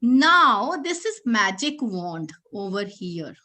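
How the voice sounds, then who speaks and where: A woman's voice: medium pitch, big pitch swings, takes it slowly, sharp tone. A woman with an Indian accent presenting a teacher-training session over a video call, explaining patiently step by step and checking in often. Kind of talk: online teaching demo.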